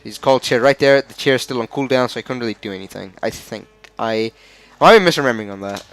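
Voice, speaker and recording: A man's voice: medium pitch, fast, a bit bright, faint music behind. A man with an Australian accent giving casual analysis of a fighting game match, chatty and often stumbling over the players' names.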